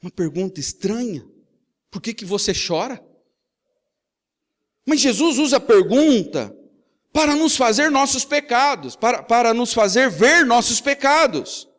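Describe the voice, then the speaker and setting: A man's voice: very high-pitched, big pitch swings, moderate pace, a bit bright. A man preaching a sermon in Brazilian Portuguese with impassioned delivery, voicing the questions he quotes. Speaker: pastor. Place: church hall. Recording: reverberant church hall.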